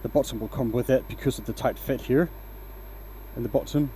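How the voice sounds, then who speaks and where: A relaxed Danish host narrates his woodturning live stream step by step in casual talk, frequently checking "right?". His light accent is mostly a mishmash of English accents picked up online, with some Danish. His mid-range voice is a little fast, over a slight hiss or hum.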